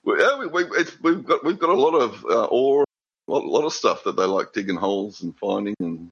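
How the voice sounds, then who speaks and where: Aussie bloke rambling on a call, husky voice, keeps saying mate, muffled lo-fi sound. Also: male voice, on the low side, very animated, normal speed. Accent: Australian. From Western Australia. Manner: rambling, calls people mate, chuckles. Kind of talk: casual podcast chat.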